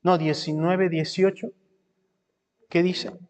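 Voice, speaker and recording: A male pastor delivering a sermon, breaking into high mimicking voices and stretching out phrase endings. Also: flat delivery, takes it slowly, a little mellow, slight background noise. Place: church. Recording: reverberant church hall.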